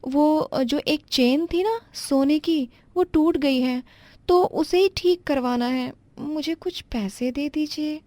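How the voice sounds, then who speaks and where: A woman voicing a scheming young wife who lies and stammers out excuses in a high voice. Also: takes it slowly, a little mellow, dry recording. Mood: pleading. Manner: high, pleading, fibbing with stammers.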